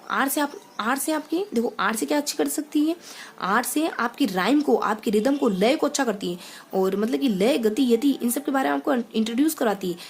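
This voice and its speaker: A woman's voice: a little high, slight background noise. A young woman teacher speaking English words, explaining exam material through mnemonics and often correcting herself. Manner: explains with mnemonics, repeats points, many self-corrections. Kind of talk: exam-prep lecture.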